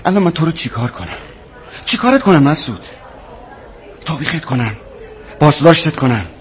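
A man's voice: fairly high pitch, very animated. An actor playing a stern male security commander who gives orders and interrogates a subordinate in a hospital corridor. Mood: furious.

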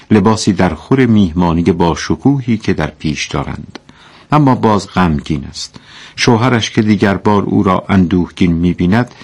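Deep husky male narrator. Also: darkish tone. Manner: measured, explanatory. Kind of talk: scripted narration.

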